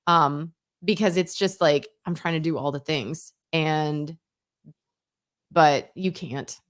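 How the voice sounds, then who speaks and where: A woman's voice: low-pitched, takes it slowly. A woman co-hosting a radio show, chatting casually and giving her opinions frankly and with animation. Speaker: radio co-host.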